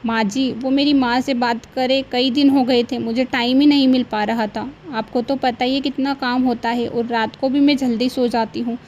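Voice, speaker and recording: A woman's voice: sits high, fairly even intonation, normal speed, hardly any pauses, a little mellow, lo-fi sound, a little hiss or hum, close to an everyday voice. A woman doing a put-upon young bride. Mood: pleading. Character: young newlywed daughter-in-law, put-upon but polite.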